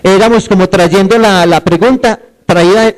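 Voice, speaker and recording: A man giving a pedagogy seminar lecture, quizzing the audience and spelling words out slowly. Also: sits high, low-quality recording.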